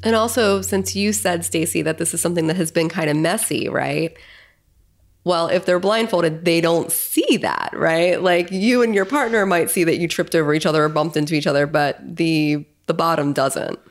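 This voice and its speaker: A woman's voice: on the low side, normal speed. Woman co-host explaining in casual chat. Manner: lively and explanatory, reads listener questions. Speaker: podcast co-host.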